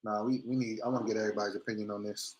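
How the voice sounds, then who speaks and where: A man's voice: lowish voice, flat delivery, racing, very noisy. A man chatting casually on a livestream in a blunt, slangy, opinionated way, speaking with a grill on his teeth. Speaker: livestream host.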